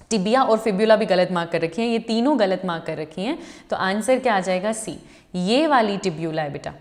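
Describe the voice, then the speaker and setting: A woman's voice: mid-range voice, long reverb tail. A woman teacher giving an exam-prep lecture, walking through each question step by step, repeating the answers and addressing students as her children.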